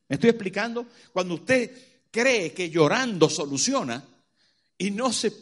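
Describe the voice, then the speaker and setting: A man's voice: sits high, fairly bright tone. A man preaching a sermon, dramatic and full of rhetorical questions to the congregation.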